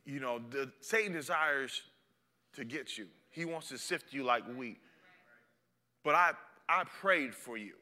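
A man preaching who voices a calm, gentle teacher, speaking low and soft. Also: a little slow, big-room sound. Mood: tender.

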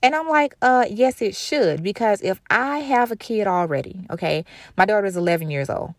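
A woman's voice: medium pitch, animated, moderate pace, dry recording, studio quality. A woman in her thirties hosting her own talk show, speaking candidly and emphatically, often repeating phrases for stress. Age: 30s. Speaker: show host. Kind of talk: casual monologue.

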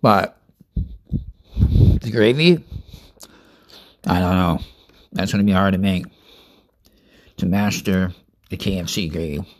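A man's voice: low-pitched, flat delivery, moderate pace, long pauses. A young man rambling casually through a food review vlog, chatting and eating as he talks. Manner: rambling, chatty, eats while talking. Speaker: vlogger.

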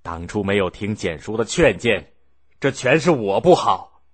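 A man voicing an older king who slowly blames himself for his generals' defeat. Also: fairly low pitch, sing-song, breathy edge, pitched below the performer's own voice. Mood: remorseful. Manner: slow, regretful. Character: remorseful older male king.

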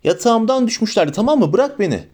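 A man's voice: high voice, sing-song, fast, darkish tone, voice pushed up. A man voicing a besotted teenage boy who talks breathlessly in an audiobook reading. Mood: indignant. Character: lovesick teenage boy, dreamy then indignant.

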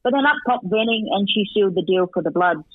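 Man, high voice, chatty football analyst, tinny dry phone line. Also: animated, fast talker, slightly rough, no echo. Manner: chatty, rattles off stats with asides. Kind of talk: radio sports recap and tips by phone.

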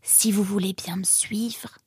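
Une femme qui joue une renarde servante timide. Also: female voice, a little high, expressive, measured pace, slightly rough, no echo, clean studio sound, pitched above the performer's own voice. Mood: timid. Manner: hesitant, stammering, almost inaudible. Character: tall thin timid vixen servant.

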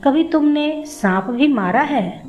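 A woman's voice: high-pitched, animated, slow, darkish tone, highs cut off, soft background music, voice pushed up. A woman voicing a curious young boy who keeps asking an old man for stories. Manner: eager questioning.

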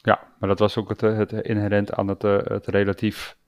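A man's voice: lowish voice, completely flat delivery, fairly quick, no echo. A man with a Dutch accent co-hosting a podcast, speaking hesitantly with frequent restarts and filler sounds. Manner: hesitant, restarts often, agreeable. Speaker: podcast co-host. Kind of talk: casual podcast discussion.

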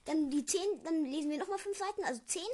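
A woman with a fairly high voice casually reads a novel aloud. She often stumbles over words and goes back to correct herself. The feel is relaxed and unpolished. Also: fast. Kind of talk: casual reading aloud of a book.

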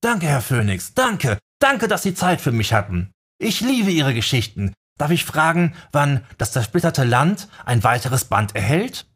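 A man's voice: a little high, expressive, unhurried, voice pushed up. A man voicing an eager, effusive older male fan who stammers and gushes in an audiobook. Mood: gushing.

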